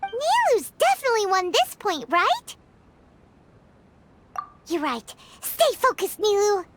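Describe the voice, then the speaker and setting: A woman voicing a tiny, excitable fairy companion in a video game, with a squeaky, childlike voice. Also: slow, slight background noise, heavily acted. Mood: cheering.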